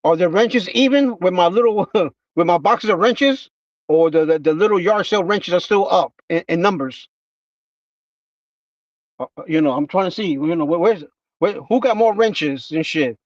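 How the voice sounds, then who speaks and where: A man's voice: sits high, lively intonation, moderate pace, no echo, far from the mic, highs cut off. A man hosting a casual livestream who rambles and restarts, with lots of fillers as he talks to his chat. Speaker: livestream host.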